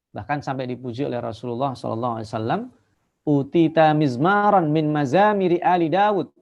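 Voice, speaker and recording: Man teaching over muffled online audio. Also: medium pitch. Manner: explanatory, animated, chants Quranic verses slowly to demonstrate. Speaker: Islamic teacher. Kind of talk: online religious lecture. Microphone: video call.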